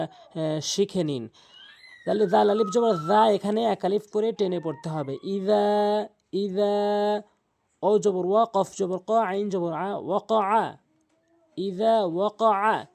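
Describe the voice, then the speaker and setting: Guy teaching quran reading, spells each letter slow then chants it long, kinda creaky dark voice. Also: high voice. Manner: patient, repetitive instruction with frequent pauses. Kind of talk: spelling-out recitation lesson.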